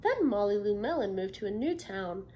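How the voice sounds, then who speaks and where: Expressive woman reading a storybook aloud, background noise. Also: mid-range voice, moderate pace, lo-fi sound. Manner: encouraging, checks understanding with frequent questions. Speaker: teacher reading a picture book aloud to children. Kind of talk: interactive storybook read-aloud with questions to the listeners.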